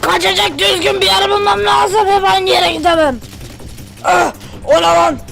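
A woman voicing a jittery, excitable history teacher in a comedic Turkish cartoon fan dub. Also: extremely high pitch, normal speed, creaky, over music, heavily acted. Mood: jittery, panicked.

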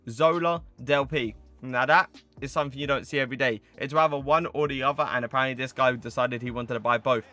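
A man's voice: mid-range voice, quick pace, bright, forceful tone, faint music behind. A man in his twenties giving casual gameplay commentary in a chatty, slangy way, with stock phrases he repeats. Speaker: gaming video host.

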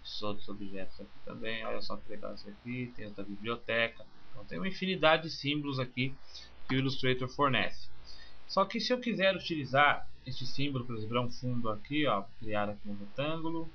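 A man, teaching software in a screencast and calmly walking through each click step by step. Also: medium pitch, a little fast, creaky. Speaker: software instructor. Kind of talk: screencast tutorial. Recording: slightly muffled with faint hiss.

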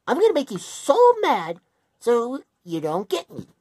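A woman's voice: on the high side, very animated, measured pace, a little mellow, husky, dry recording, studio quality, exaggerated voice. A woman doing a taunting, giggly Mario. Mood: irritated. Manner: taunting, giggly, sing-song. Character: cocky male plumber hero, teasing and boastful. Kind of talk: hobby cartoon fan dub.

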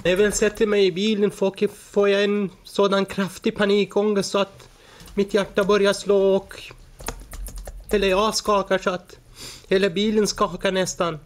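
A man in his forties giving a halting personal account as a defendant in a courtroom, often stumbling and restarting words. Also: high-pitched, level tone. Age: 40s.

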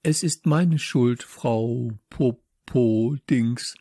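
A man's voice: medium pitch, extremely slow, warm tone, dry recording, clean studio sound. Man doing a stammering hidden stranger. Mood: flustered. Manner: stammering, talks with full mouth. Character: flustered hungry man hiding in the school.

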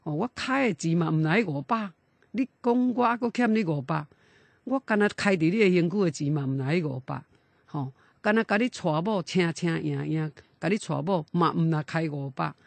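A man's voice: a little high, lively intonation, a little fast, vocal fry, no room sound. A man voicing a wealthy older father who pleads and exclaims in bewilderment. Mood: pleading.

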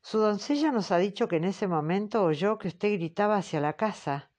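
A woman reading the part of a formal man questioning a witness, slow and patient. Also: medium pitch, animated, darkish tone, close to an everyday voice. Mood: probing. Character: measured male examiner, formal and patient. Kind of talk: audiobook character reading.

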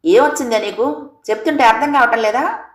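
A woman's voice: medium pitch, fairly quick, close to an everyday voice. Woman putting on a pushy impatient dad, scolding, storybook reading, echoey room. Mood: angry. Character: impatient domineering middle-aged father. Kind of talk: storybook character voice. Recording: roomy echo.

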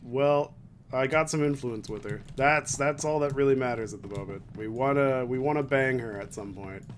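A young man streams a game with casual, irreverent commentary. His voice is mid-pitched, recorded on a headset with faint noise and game sound behind it. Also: moderate pace. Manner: irreverent, joking. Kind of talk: casual let's play commentary. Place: small room at home.

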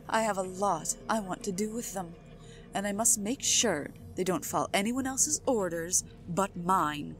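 A woman voicing a possessive, imperious queen with regal, deliberate speech in an audio roleplay drama. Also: medium pitch, natural voice. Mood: stern, possessive.

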